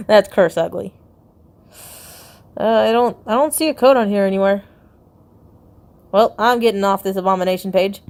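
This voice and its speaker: A woman's voice: mid-range voice, unhurried, pauses often. Giggly woman chatting over a game. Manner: giggly, chatty, reacts out loud and stumbles over reading. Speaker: video game YouTuber. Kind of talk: casual commentary while browsing a game's secret files.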